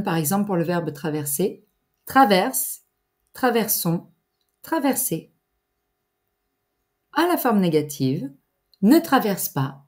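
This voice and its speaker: A woman teaching grammar in a clear, deliberate lesson voice, pausing for exercises. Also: mid-range voice, darkish tone. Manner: deliberate, articulated teacher's delivery with pauses for exercises. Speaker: French teacher.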